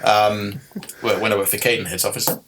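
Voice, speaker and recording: Lower-voiced man telling jokey anecdotes. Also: a little fast, noisy background. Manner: storytelling, jokey, animated anecdotes. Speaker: guest. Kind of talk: casual interview chat.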